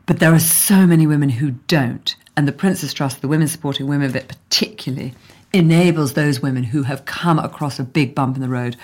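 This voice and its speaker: Middle-aged English woman guest, low voice, thoughtful and sincere. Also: a little fast, a little mellow. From England. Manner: reflective, earnest, with frequent restarts. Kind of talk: conversational interview over lunch.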